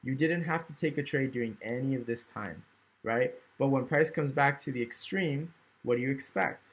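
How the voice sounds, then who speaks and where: A man's voice: mid-range voice, normal speed, slightly rough. A man casually walking through trading charts on screen, thinking aloud and often checking in with "right?". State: hiccups. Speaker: trading educator. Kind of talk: screen-recorded chart walkthrough.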